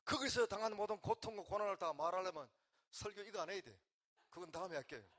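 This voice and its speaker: An older man, a pastor from the region, preaching, swinging between quiet, emotional talk and loud calls to the congregation. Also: sits high, fast talker. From Gyeongsang region, Korea. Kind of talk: sermon.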